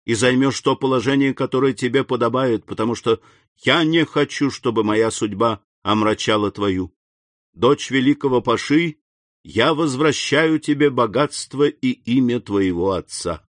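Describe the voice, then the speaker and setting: A man reading aloud and voicing a grave, restrained nobleman who speaks low and solemnly. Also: moderate pace, no echo, natural voice.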